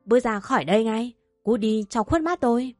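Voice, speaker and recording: A woman's voice: a little high, animated, a little fast, darkish tone, no room sound, soft background music, close to an everyday voice. A woman voicing a furious, scheming rich middle-aged mother who screams insults at those around her.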